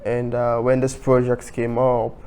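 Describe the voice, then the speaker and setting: A man's voice: mid-range voice, monotone, unhurried, dark tone, clean tone. A man from Sierra Leone hosting a podcast, easygoing and chatty, often repeating himself. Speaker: podcast host. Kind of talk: casual interview conversation.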